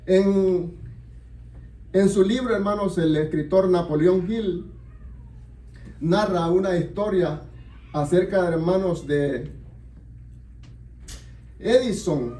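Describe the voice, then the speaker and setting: A man preaching in a church, his voice a little high but mellow and warm. He sits away from the mic, so the room's echo carries every phrase as he speaks steadily and keeps turning to the congregation. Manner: measured, repeated address to the congregation. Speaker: pastor. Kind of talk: sermon. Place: church hall. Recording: echoey church from far off.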